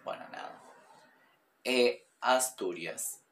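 A man's voice: mid-range voice, extremely slow, a bit bright, echoey room. A man with an Argentine accent giving casual reaction commentary, rambling with many fillers and speaking straight to his viewers. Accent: Argentine Spanish. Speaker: YouTube reaction host.

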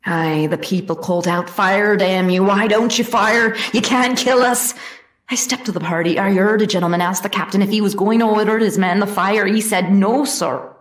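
A woman of medium pitch, speaking at normal speed and acting lightly, takes on the role of a plain-spoken, devout soldier's wife testifying in a historical courtroom drama. Her firm, earnest manner carries formal period phrasing, and the distant mic lends a roomy echo.

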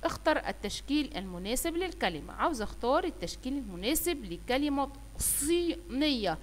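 A woman teacher with an Egyptian Arabic accent, slowly sounding out letters and words for young children and praising them often. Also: sits high, sing-song, in a large hall, a little hiss or hum. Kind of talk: online phonics lesson for young children.

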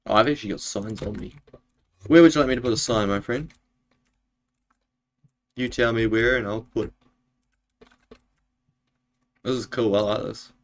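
Slow-talking young New man streaming. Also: fairly low pitch. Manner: laid-back, chatty with viewers, lots of fillers. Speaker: Minecraft streamer. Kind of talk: casual live-stream gaming chat. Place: home room, indoors.

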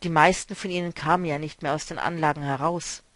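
A man reading a novel aloud, voicing a weary, melancholy male traveler who speaks quietly and broodingly. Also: a little high, steady tone, brisk, no room sound, lightly acted. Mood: explaining.

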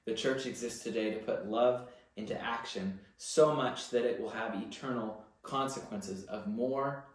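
A man's voice: fairly low pitch, a little slow. A middle-aged man preaching a sermon as pastor, earnest and pressing key words, recorded from a far camera in a library room. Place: church library room with bookshelves, indoors. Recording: very echoey room.

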